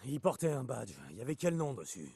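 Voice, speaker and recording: Un motard survivant à la voix rocailleuse. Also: male voice, medium pitch, sing-song, fast talker, vocal fry, mellow, slight background noise. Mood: urgent. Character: gruff, restless male biker survivor, urgent and stubborn. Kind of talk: video game dialogue over radio.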